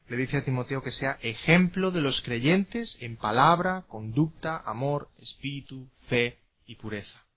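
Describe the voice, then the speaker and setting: A man's voice: mid-range voice, dull audio. A man teaching a classroom lecture, emphatic, repeating key words and asking rhetorical questions.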